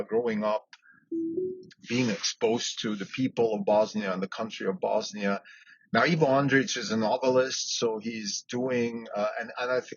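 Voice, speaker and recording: A man's voice: fairly low pitch, fairly bright tone, breathy edge, no echo. A man who grew up in Switzerland, hosting a solo podcast and thinking aloud, with frequent fillers and restarts. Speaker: podcast host. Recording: dull lo-fi sound with faint background noise.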